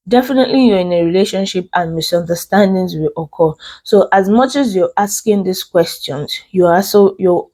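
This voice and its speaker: Congested Nigerian woman, mellow low voice. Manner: emphatic, repeats phrases and poses questions. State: congested, unwell voice. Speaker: host. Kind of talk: casual relationship advice talk.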